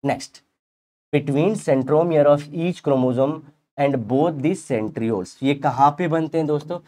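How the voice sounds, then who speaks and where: A man teaching a biology revision lecture, explaining in Hindi with English terms, reading textbook lines slowly and asking the class questions. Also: fairly high pitch, warm tone. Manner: playful analogies, asks the class rhetorical questions.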